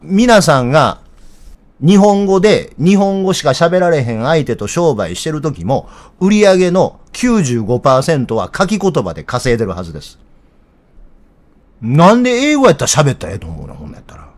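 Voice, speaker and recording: A middle-aged man with a Kansai accent giving blunt, heated political commentary in a casual, rough-spoken way. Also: a little high, wildly swooping pitch, fairly quick.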